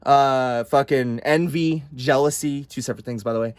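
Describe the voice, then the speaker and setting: Dude ranting, swearing a ton, rambling and fed up, dry close mic. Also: male voice, medium pitch, normal speed, a little mellow, smooth, no echo. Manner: profane, exasperated, rambling. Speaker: comedic vlogger. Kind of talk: profane comedic rant.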